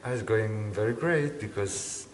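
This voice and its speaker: Deep-voiced Italian-accented man. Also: a little slow, a little hiss or hum. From Italy. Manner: searching for words, many fillers. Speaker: dance artist. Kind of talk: interview answers. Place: dance studio, indoors.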